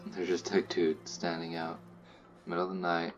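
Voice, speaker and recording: A man's voice: deep voice, completely flat delivery, normal speed, dull audio, music in the background. A man casually joking his way through a game as commentary host. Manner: joking, sarcastic, laid-back. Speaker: gaming channel host. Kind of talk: let's play commentary.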